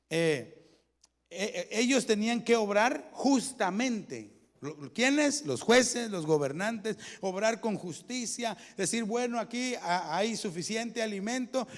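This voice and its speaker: A man's voice: sits high, in a large hall. A man preaching a sermon as pastor, talking to the congregation like a brother, asking rhetorical questions and explaining the meaning of Hebrew words. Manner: conversational preaching, addresses "hermano", asks rhetorical questions. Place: church.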